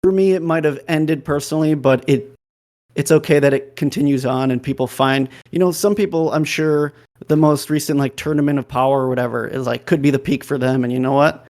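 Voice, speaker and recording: A man's voice: a little high, steady tone, a little fast, darkish tone. A man on a fan podcast panel, speaking reflectively and saying "like" a lot. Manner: reflective, heavy use of "like". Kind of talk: casual chat.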